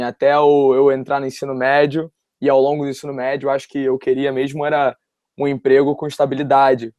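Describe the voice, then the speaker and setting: Speaking with a Rio de Janeiro Brazilian Portuguese accent, a West Zone university student in his early twenties chats casually through a personal story during an interview, rambling as he goes. His voice sits at medium pitch and sounds a little mellow, recorded with no echo.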